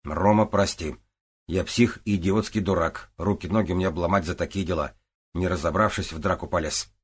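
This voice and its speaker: A man voicing a sullen, rough teenage boy who talks bluntly and gruffly. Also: low voice, fairly even intonation, moderate pace.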